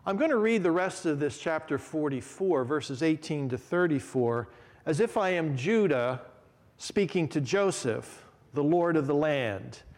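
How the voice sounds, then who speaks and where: A man's voice: fairly high pitch, lively intonation, a little slow, long reverb tail. A male pastor giving an earnest sermon and explaining scripture verse by verse.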